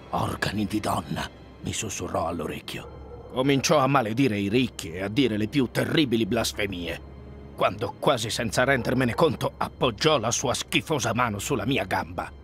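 An actor dubbing a shifty, evasive London informant in a game, with a gravelly voice. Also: male voice, lowish voice. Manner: defensive, then a hushed storyteller. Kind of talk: Italian game dub.

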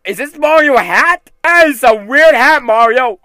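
A man hosting excitable video game commentary, exclaiming and scolding the game character, often tacking "though" onto his sentences. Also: very high voice, moderate pace, no room sound. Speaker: gaming video host.

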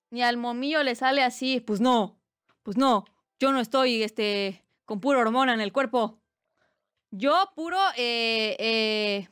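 A woman's voice: fairly high pitch, fairly bright tone, clean tone. A Mexican woman streaming live, chatting casually and reading chat aloud with playful teasing and bursts of squealing laughter.

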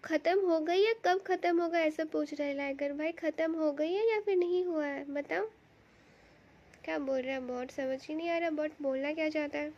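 A woman streamer chatting casually with her live chat, greeting viewers by name and reading their messages aloud, her voice a little hoarse from a cough. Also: high-pitched, moderate pace, a little mellow. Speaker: game streamer. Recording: dull lo-fi stream audio.

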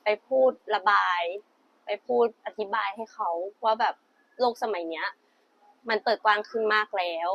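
A woman's voice: medium pitch, normal speed, a bit bright. A young woman playing a friend who earnestly explains her own experience in casual slang. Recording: dull lo-fi.

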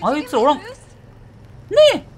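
Excitable Kansai man with lively pitch. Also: moderate pace. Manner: excitable, jokey, reads game text aloud. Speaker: game streamer. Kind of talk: let's play commentary.

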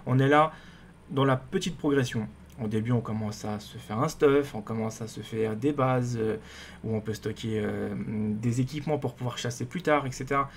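Male gaming YouTuber, mid pitch, casual and excitable, rambles; faint noise floor. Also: normal speed. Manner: rambling, excitable, many fillers and restarts. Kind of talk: casual gameplay commentary.

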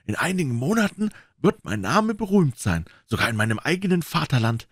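A man voicing an erratic, abrupt young male scholar in a read-aloud crime story, prone to excitable outbursts. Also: fairly high pitch, brisk, slightly rough, dry recording, clean studio sound, voice pushed up. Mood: jittery.

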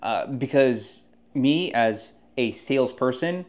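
A man's voice: mid-range voice, expressive, takes it slowly, darkish tone. A man working as a real estate agent, talking casually and rambling with frequent restarts. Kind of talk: casual podcast talk.

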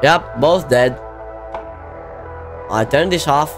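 A young man giving casual, excitable let's-play commentary, often yelling at the game. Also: fairly high pitch, slow pace, over music. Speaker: gaming video creator.

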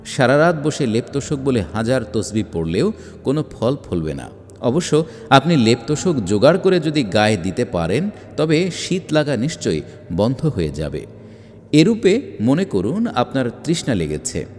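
A man reading a religious book aloud in a measured, emphatic way, with rhetorical questions. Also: medium pitch, very animated, darkish tone. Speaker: audiobook reader. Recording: long hall reverb.

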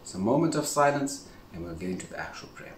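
A Zimbabwean faith teacher in his forties, with a mid-range voice and lively intonation, talks fast as he gives a casual, earnest religious talk to a camera a few steps away, often checking in with "right?". He's indoors in his home kitchen with a large window, and the sound is roomy and distant with faint hiss.

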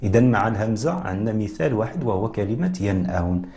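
A man hosting a televised lesson on Quran recitation, explaining rules in a measured way and addressing viewers directly. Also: fairly low pitch, expressive, warm tone. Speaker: Quran recitation teacher, TV host.

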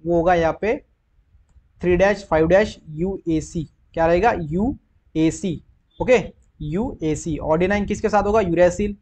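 Indian male tutor with a high voice, quizzes the class and answers himself, mixed Hindi-English. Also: darkish tone. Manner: mixes Hindi and English, quizzes listeners with quick questions then answers. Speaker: biology teacher. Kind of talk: exam question walkthrough.

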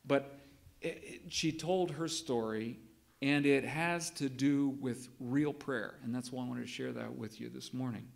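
A man's voice: medium pitch, measured pace, vocal fry. A man giving a sermon in a church, telling a story in a conversational way and reading quoted passages from a book. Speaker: preacher. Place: church sanctuary.

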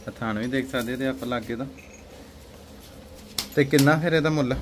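In a farm cattle shed, a young man with a Punjabi accent hosts a casual livestock sale video and fires off brisk questions. His voice is mid-range, with background noise around him.

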